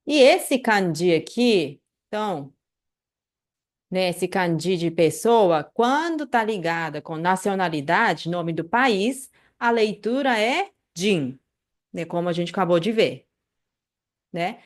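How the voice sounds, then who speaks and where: A woman with a Brazilian Portuguese accent teaching an online language lesson, patiently repeating phrases slowly and checking in with the listener. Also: fairly low pitch, lively intonation.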